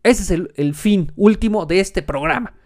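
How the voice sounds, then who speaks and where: A man's voice: sits high, normal speed. Sarcastic, foul-mouthed man. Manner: sarcastic, profane, deadpan. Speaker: podcast host. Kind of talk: comedic monologue.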